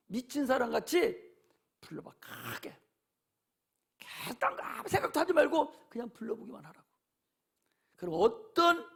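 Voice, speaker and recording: Pastor guy preaching, really high gravelly voice, shouts then drops to a whisper. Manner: emphatic preaching, swings from loud shouts to hushed near-whispers. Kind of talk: sermon. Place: church sanctuary.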